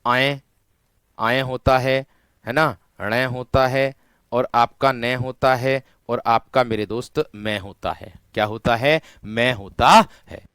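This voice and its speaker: An online exam-prep teacher, male, often calls his students friends and emphasizes key words through repetition and drawn-out delivery. His medium-pitched voice holds a steady tone, a bit bright, clear and resonant, with no echo.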